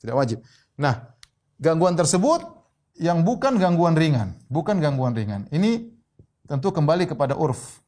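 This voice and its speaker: Man preaching, higher voice. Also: big pitch swings, a little mellow. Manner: repeats key phrases, reads Arabic quotations slowly. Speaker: Islamic preacher. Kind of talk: religious lecture.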